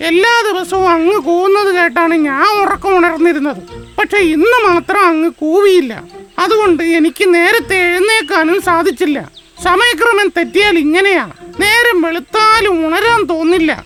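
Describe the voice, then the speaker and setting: A woman voicing a sleepy, easily startled young hen in a kids' cartoon, with a squeaky voice. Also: normal speed, over music.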